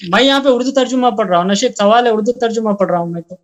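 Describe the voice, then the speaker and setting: Man, caller, very high voice, defensive, keeps explaining, call-in argument. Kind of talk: phone-in argument.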